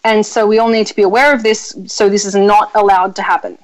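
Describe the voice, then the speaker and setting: A woman in her thirties hosting a casual chat, blunt and chatty, swearing freely and filling pauses with ums. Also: mid-range voice, flat delivery, rough recording. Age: 30s. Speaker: podcast host.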